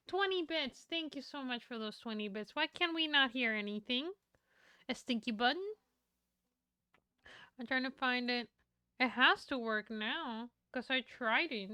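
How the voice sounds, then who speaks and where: A woman chatting casually on a live stream, excitable and swearing freely, switching back and forth between English and Spanish. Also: high voice, clean tone, no echo, studio quality.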